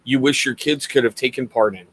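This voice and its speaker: A man's voice: mid-range voice, fairly quick, fairly bright tone. A man hosting a casual livestream interview, upbeat and reading out viewer questions from the chat. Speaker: host.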